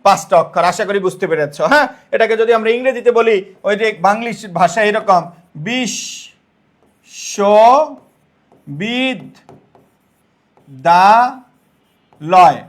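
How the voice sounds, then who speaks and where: A man's voice: high-pitched, a little fast, few pauses, a bit bright. A man teaching an online exam-prep grammar lesson, breaking words into syllables, repeating his questions and checking that students follow. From Bangladesh. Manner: explains step by step, repeats questions and checks understanding.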